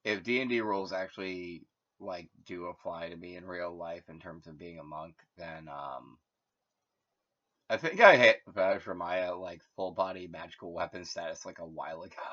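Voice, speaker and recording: Low-ish guy rambling on his own, lots of like and uh, bright forceful tone, dull lo-fi audio. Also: moderate pace. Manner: meandering, full of "like" and "uh", casual. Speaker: host. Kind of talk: rambling solo monologue. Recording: dull lo-fi recording.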